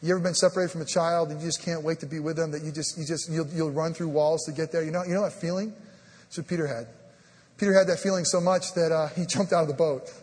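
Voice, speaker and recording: High-voiced preacher in a reverberant church. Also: male voice, fast talker. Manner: animated preaching, voice rising and dropping to a hush; acts out scripture dialogue with repeated fillers like "I mean". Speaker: pastor. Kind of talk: sermon. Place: church sanctuary.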